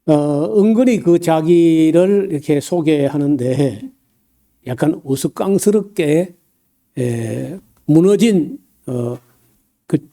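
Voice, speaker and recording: A man preaching a sermon as pastor, in a halting, folksy way with many fillers, humorous asides and frequent throat-clearing. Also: a little high, expressive, dark tone.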